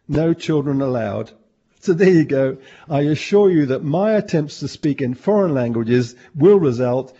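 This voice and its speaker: A hoarse man in chatty radio talk, wry and clearing his throat now and then. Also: medium pitch, dark tone, lo-fi sound. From Australia. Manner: chatty, wry, reads out items.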